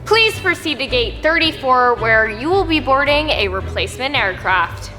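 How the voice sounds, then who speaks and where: A woman plays a composed female airport announcer who reads out gate notices over a PA system. Her high voice echoes through a long, reverberant hall. Music plays clearly behind her. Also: very animated, normal speed, bright, forceful tone, heavily acted. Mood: formal. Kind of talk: formal public announcement.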